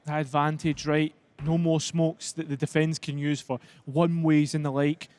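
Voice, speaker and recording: A man with a fairly high voice gives color commentary on an esports match. He talks through tactics and what each side has left to use. A light hiss runs behind him. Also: little pitch movement, normal speed, a little mellow. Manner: analytical, explains tactics and resources. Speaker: esports analyst caster.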